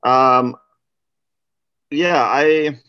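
A man's voice: medium pitch, fairly even intonation, extremely slow, clear, resonant tone. A man co-hosting a casual podcast, talking loosely and rambling. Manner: loose, rambling, with restarts and laughs. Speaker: podcast co-host. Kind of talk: casual chat. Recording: dull lo-fi sound.

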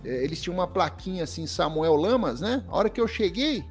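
A Brazilian man in his fifties, an interview guest telling a lively story and acting out what people said. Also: sits high, fairly quick, soft background music. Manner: lively storyteller, acts out quoted dialogue. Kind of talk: storytelling anecdote.

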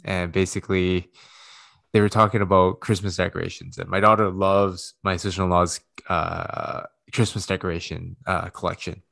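Man, low-pitched, casual podcast co-host; loose rambling storyteller who swears freely. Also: flat delivery, normal speed, creaky, fairly bright tone.

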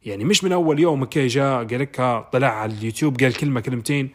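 A man's voice: medium pitch, rapid-fire. A man with a Libyan Arabic accent giving a casual motivational monologue, explaining through everyday examples. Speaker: motivational talker.

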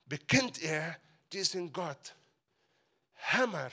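Bright-voiced preacher with dramatic outbursts. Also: male voice, fairly high pitch, lively intonation, slow pace, breathy edge. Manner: dramatic, swings between shouted retellings and quiet asides; mixes English phrases into German. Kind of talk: sermon.

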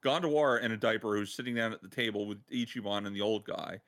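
A man hosting a podcast, excitedly retelling a game side quest in casual chat and laughing as he goes. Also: fairly low pitch, fast. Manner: excited, laughing storyteller who acts out quotes. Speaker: podcast host.

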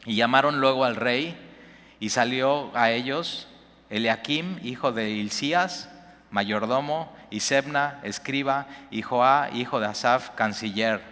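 A man's voice: mid-range voice, a bit bright. A man teaching a Bible passage, reading verses aloud and explaining them in a conversational way. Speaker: preacher. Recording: long hall reverb.

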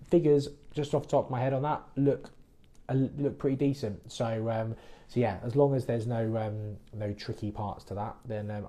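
Fielding listeners' mortgage questions, this podcast host and broker from the Midlands keeps things chatty and explains them plainly. His pitch is fairly low and his tone warm.

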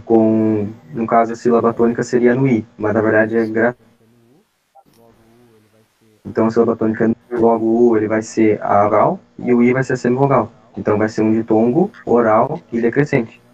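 A man's voice: mid-range voice, fairly even intonation, normal speed, a little mellow. A man, leading a study group and patiently explaining exam questions step by step over a video call. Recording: dull lo-fi call audio.

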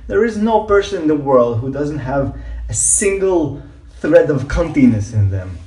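A man's voice: on the high side, sing-song, a little slow, warm tone. A man from Latvia chats casually and jokingly as a podcast guest, recorded in an echoing bathroom. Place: bathtub in a small bathroom. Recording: echoing bathroom, somewhat distant from mic.

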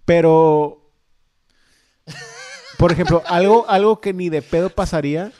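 A man's voice: fairly high pitch, a little slow, warm tone. A young man with a Mexican accent, joking in slangy casual chat as a podcast co-host.

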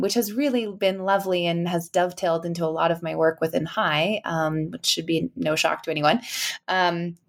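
Reflective, effusive woman podcast guest. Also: lowish voice. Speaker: interview guest, departing marketing director. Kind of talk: casual reflective conversation.

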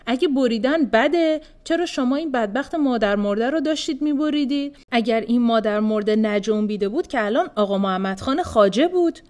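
A woman's voice: a little high, animated, close to an everyday voice. A woman doing a sly joking old prince. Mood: teasing. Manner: teasing, then shouting. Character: sly, mocking older prince who loves jokes.

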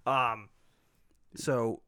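A man's voice: mid-range voice, steady tone, very slow, pushed and bright, clear, resonant tone. An American man hosting a casual sports discussion among friends, giving his opinions in informal language. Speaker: sports podcast host.

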